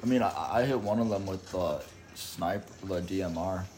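A man's voice: low voice, moderate pace, darkish tone, slight background noise. A young man chatting casually in slangy, profane gamer-bro talk while he plays a video game. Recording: music behind the voice.

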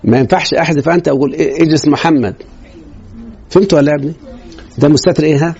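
Fast gravelly Egyptian man teaching. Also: on the high side, mellow. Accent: Egyptian Arabic. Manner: quizzes students with rhetorical questions. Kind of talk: grammar lesson. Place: classroom. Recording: dull lo-fi recording.

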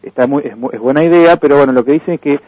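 Argentine male radio guest, earnest and halting, mid-pitched voice, dry dull lo-fi sound. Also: warm tone, no echo. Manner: hesitant, many restarts and fillers, earnest. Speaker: guest from an environmental campaign. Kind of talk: radio interview.

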